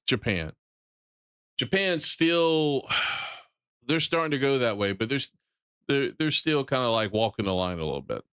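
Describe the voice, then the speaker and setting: A man's voice: medium pitch, fairly bright tone, smooth, no room sound. A man with a Southern American accent streaming, ranting bluntly about games and often repeating or restarting his phrases. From Southern United States. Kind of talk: live-stream reaction commentary.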